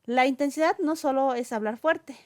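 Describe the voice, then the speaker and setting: A woman's voice: high voice, normal speed. Woman teacher giving a lecture. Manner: explanatory, with frequent fillers and checking questions. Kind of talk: lecture on oral communication.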